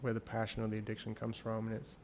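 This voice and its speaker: A man who is a champion water skier is interviewed casually over a call. His fairly low voice is completely flat and quick, and he rambles, thinking aloud and restarting often. The remote call recording has faint noise.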